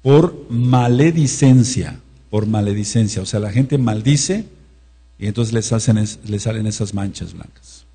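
A man's voice: lowish voice, steady tone, moderate pace, mellow, slightly rough. A man with a Mexican accent teaching a sermon, repeating key words and asking his listeners questions. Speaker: preacher.

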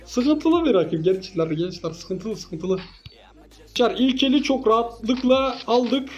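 A man giving excitable gameplay commentary as a gaming YouTuber, teasing his opponent with playful trash talk. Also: very high-pitched, measured pace, dull audio, faint music behind.

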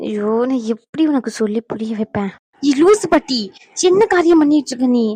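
Young cartoon granddaughter, bossy and blunt, highish voice, woman voicing her. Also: lively intonation, a little fast, dark tone, husky, no room sound. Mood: exasperated. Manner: blunt, exasperated explaining. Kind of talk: cartoon family drama voice acting.

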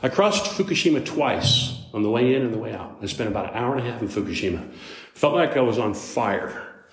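A man giving a live storytelling talk to young people, conversational and animated, with sudden jumps up in pitch and loudness. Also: fairly quick, soft background music. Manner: conversational, with asides to the audience. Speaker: motivational speaker. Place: large hall with a live audience. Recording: roomy live hall sound.

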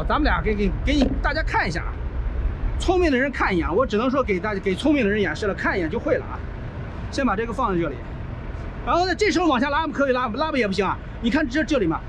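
Blunt high-voiced trucker man outdoors. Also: noisy background. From China. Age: middle-aged. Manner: blunt, swears freely, teaches step by step. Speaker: trucker vlogger. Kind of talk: casual how-to commentary while repairing. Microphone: body-worn action camera.

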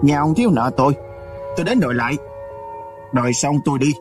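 A resentful son coldly rejects his father in a rapid, clipped delivery, as a male storyteller voices him. Faint music sits underneath. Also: a little high, lively intonation, natural voice. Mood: bitter. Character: vengeful son, cold and bitter.

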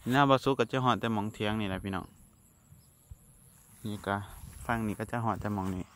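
A young man with an Isan accent, chatting to viewers as he walks through rice fields, with wind rushing over the mic. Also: lowish voice, fairly bright tone. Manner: chatty, addresses viewers as brothers and sisters. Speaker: vlogger. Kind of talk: casual walking vlog. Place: outdoors in windy rice fields. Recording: wind noise on outdoor mic. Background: wind, crickets and insects.

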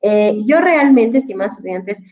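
With a medium pitch, a darkish tone, and an animated delivery at normal speed, a woman explains a dictionary app to students in her online English class. Speaking into a headset, she stays patient and formal and uses lots of fillers, while the recording has its highs cut off.

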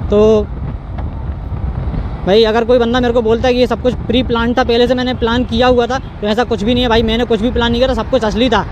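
A man vlogging about his motorbike outdoors on a city street, talking in a calm, placating way and repeating himself a lot. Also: very high voice, quick pace, muffled recording. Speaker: motovlogger. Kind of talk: casual vlog talk. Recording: street traffic noise behind.

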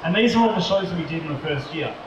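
Speaking quickly with lively intonation, a man whose voice sits on the high side shares conversational stories as co-founder of a toy company. It's a casual live talk in a big mall expo hall, recorded from a distant mic with the highs cut off, echo and crowd noise around him.

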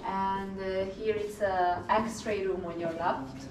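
A woman's voice: medium pitch, fairly even intonation, takes it slowly. Distant woman tour guide in echoing underground bunker. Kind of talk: guided tour talk with explanations. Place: tiled rooms of an underground bunker museum. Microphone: visitor's handheld camera, some distance away. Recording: roomy, distant, noisy underground bunker recording.

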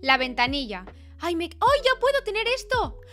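A woman's voice: very high voice, very animated, moderate pace, a bit bright, soft background music. A young woman giving playful, chatty commentary while she plays a game, reading on-screen lines aloud as she goes. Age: young adult. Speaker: gaming youtuber. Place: small bedroom with purple light. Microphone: studio mic on arm, close.

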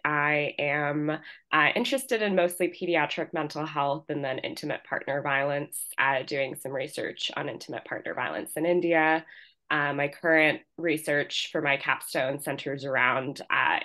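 A woman's voice: low voice, steady tone, normal speed, sharp tone. A young woman in her twenties, a public health student, introducing herself on a video call in a friendly way. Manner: friendly, light laughter between phrases.

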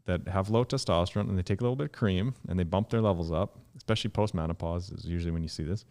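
A man in his thirties, a guest scientist on a podcast, explaining in an animated way and jumping up in pitch to stress points, recorded in a dark studio on a studio mic. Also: fast talker, gravelly. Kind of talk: podcast conversation. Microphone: studio mic with headphones.

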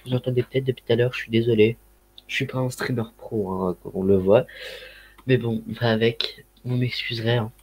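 A man's voice: medium pitch, fairly even intonation, brisk, darkish tone, breathy edge. A man with a Ch'ti accent chatting casually on a livestream through a headset mic, rambling with lots of fillers and slang. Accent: Ch'ti (northern French). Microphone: headset microphone.

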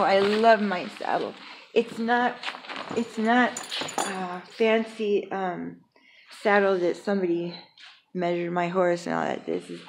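A woman's voice: medium pitch, slight background noise, rough recording. A woman in her late forties giving a chatty, rambling vlog tour of her horse barn and farm, laughing often and speaking into a phone at arm's length. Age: late 40s. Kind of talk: casual walk-and-talk vlog. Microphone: phone held at arm's length.

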